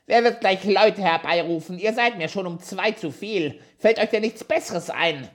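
A reader voicing an ill-tempered tiny old male dwarf with a shrill, screeching voice, scolding and insulting. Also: normal speed, natural voice. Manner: scolding, insulting, high and loud.

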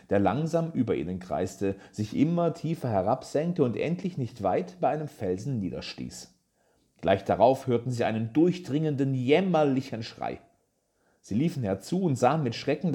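Lively storybook narrator. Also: medium pitch. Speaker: fairy tale reader.

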